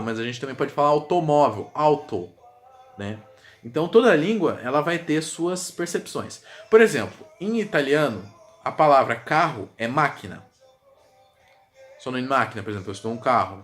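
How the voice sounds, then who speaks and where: A man who teaches languages, casually explaining words in a vlog and repeating example words aloud, with many fillers. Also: fairly high pitch. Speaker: language teacher and video creator. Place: home room with a gaming setup. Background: music playing softly in the background.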